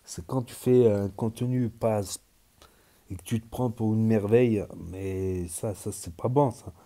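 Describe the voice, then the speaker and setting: A man's voice: lowish voice, steady tone, unhurried, dark tone. A man with a southwestern French accent, rambling casually with frequent hesitations as he comments on social media stories. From southern France.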